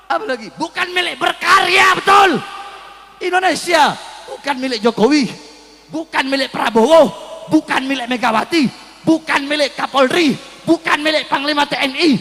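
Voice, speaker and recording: A man gives a rousing political rally speech in a very high, bright, gravelly voice, shouting his lines and pausing for the crowd to answer. Everything he says rings with a long hall reverb. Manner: rousing call-and-response with the crowd. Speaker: speaker at a rally.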